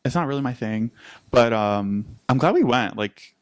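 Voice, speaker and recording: A young man co-hosting a podcast in a casual, chatty way. His voice is mid-pitched but swings widely as he talks. The sound is dry and close. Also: no room sound. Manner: chatty, animated, quick to laugh. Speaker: podcast co-host. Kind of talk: casual chat.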